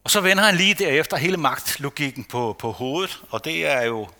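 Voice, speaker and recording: Male pastor, bright tone, rhetorical sermon delivery with hushed dramatic drops. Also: on the high side, animated. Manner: dramatic dynamics, dropping to a hushed near-whisper; rhetorical, repeats phrases for emphasis.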